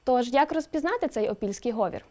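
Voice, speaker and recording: A woman presenter reads a scripted explainer with a slightly raised pitch. She keeps it lively and throws in emphatic rising questions. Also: fast talker, background noise. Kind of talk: scripted educational narration.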